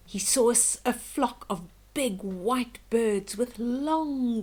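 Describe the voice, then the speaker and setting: A children's story is read aloud by an older woman in a fairly high voice, slow and expressive, with kindly, chatty asides directed at young listeners.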